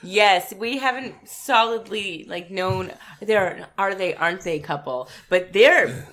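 A woman in a mid-range voice trading jokes with her co-host about a TV episode. Her delivery is wry and relaxed, with frequent laughter and quick asides. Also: mid-range voice. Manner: wry, joking, laughs often. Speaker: podcast co-host. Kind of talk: casual TV recap chat.

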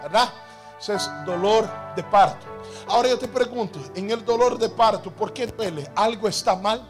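High-pitched male pastor preaching, emphatic, drawn-out stresses, soft music underneath. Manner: preaching with repeated rhetorical questions; emphatic, slows down to stress key phrases. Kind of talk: sermon.

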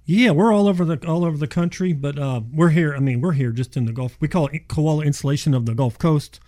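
A fast-talking man gives casual explanations as a guest on a radio show. His voice is slightly high and mellow. He sounds folksy and restates points for emphasis. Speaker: insulation contractor, show guest.

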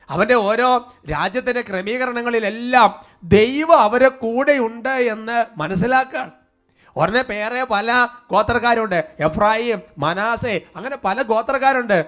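A man preaching a sermon, calling out for responses and quoting scripture. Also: sits high. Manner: fervent prayer, then steady teaching. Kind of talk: sermon with prayer and worship.

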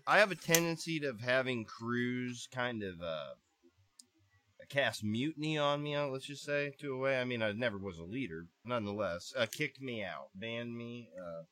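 Lively, bright-voiced man playing a character. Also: mid-range voice, moderate pace, dry recording. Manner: rambling, hesitant, comic. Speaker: player. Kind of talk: playing a character in a tabletop game.

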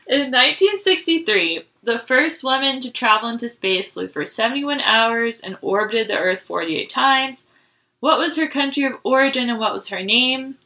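Bright-voiced giggly woman podcaster. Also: a little high, expressive, normal speed, distant mic, poor audio. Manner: giggly, reads trivia aloud. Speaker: podcast co-host. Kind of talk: casual chat.

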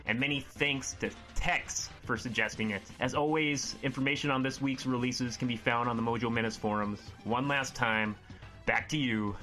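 A man delivers a scripted retro games roundup with eager, list-heavy enthusiasm. His voice is bright and forceful, a little worn as he admits he is losing it. Faint music plays underneath. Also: mid-range voice. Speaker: retro segment presenter. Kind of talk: scripted segment read.

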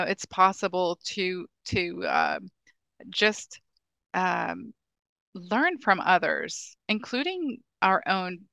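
A woman's voice: on the low side, gravelly, sharp tone, no room sound, rough recording. A woman from Ethiopia with a mixed Ethiopian and Midwestern accent, a native Amharic speaker, answering podcast interview questions earnestly with many restarts. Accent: mixed Ethiopian and Midwestern American. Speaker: guest, government technology official.

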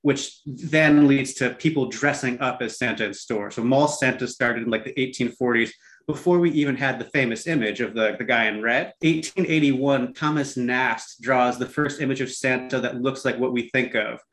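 A man's voice: medium pitch, moderate pace, fairly bright tone. A man co-hosting a talk show, explaining in a casual, wry and irreverent conversational way. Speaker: co-host.

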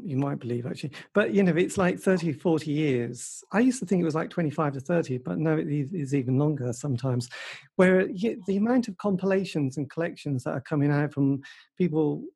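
Gravelly, husky man asking chatty questions. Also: a little high, lively intonation, brisk, a little mellow. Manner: chatty, discursive questions with restarts. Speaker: interviewer, host. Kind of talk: casual interview chat.

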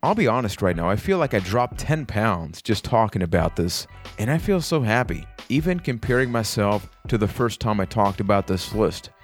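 A man's voice: on the low side, sing-song, moderate pace, few pauses, faint music behind. Earnest motivational male podcast host. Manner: earnest, motivational, addresses listeners directly. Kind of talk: reflective solo podcast talk.

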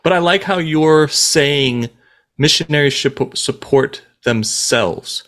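A man co-hosting a podcast, speaking thoughtfully and hesitantly, often pausing to find his words and filling gaps with "like". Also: fairly high pitch, fairly bright tone. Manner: frequent filler "like". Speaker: podcast co-host. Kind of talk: casual podcast chat.

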